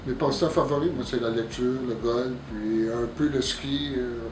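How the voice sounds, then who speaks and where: A man in his sixties with a Québécois accent, answering interview questions in a relaxed, offhand way. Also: mid-range voice, moderate pace. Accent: Québécois French. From Canada. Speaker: employee interviewee. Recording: roomy, distant mic, background noise.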